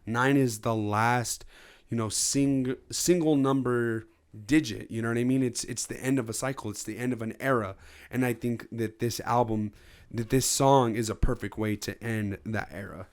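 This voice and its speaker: A man's voice: mid-range voice, fairly even intonation, moderate pace. A man reviewing an album in casual chat, passionate and rambling, swearing a lot.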